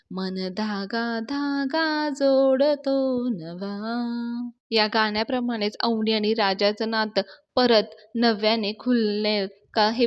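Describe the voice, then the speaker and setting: A woman's voice: mid-range voice, lo-fi sound. A young woman hosting a serial review, narrating the episode in a storytelling way and addressing her viewers directly. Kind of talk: retelling a TV episode.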